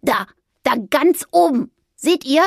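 A woman voicing a friendly, chatty male squirrel in a children's story, talking in a lively, helpful way. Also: sits high, slow, gravelly, no echo, clean studio sound, voice pushed up, exaggerated voice.

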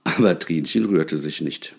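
A man reading a story aloud with expressive, theatrical delivery. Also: very deep voice, measured pace, gravelly. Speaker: narrator.

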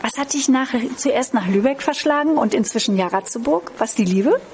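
A woman's voice: a little high, expressive, moderate pace, a little mellow. A woman chatting casually as an interviewer and co-host. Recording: clear ambient background noise.

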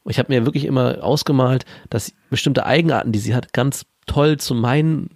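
A man in his thirties co-hosting a casual podcast, speaking dry and matter-of-fact, often trailing off into a low mutter. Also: fairly quick, vocal fry, darkish tone, dry recording. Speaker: podcast co-host.

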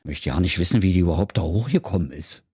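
A man voicing busy firemen who brush things off in a hurried, offhand way. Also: deep voice, expressive, darkish tone, breathy edge, dry recording, studio quality, full character voice. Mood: dismissive.

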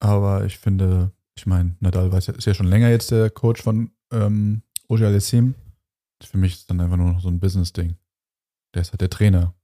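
Low, very dark-voiced man. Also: fairly even intonation, a little fast. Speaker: podcast co-host. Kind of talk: casual podcast chat.

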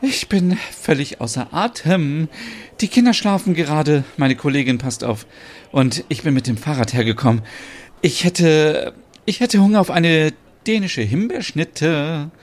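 A man voicing a hurried, out-of-breath young mother in a podcast soap opera. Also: on the high side, animated, voice pushed up. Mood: flustered.

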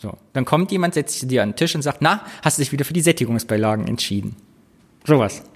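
A podcast co-host with a medium-pitched, husky voice talks fast and animatedly on a casual show. He reads listener comments aloud and tells anecdotes in a chatty way.

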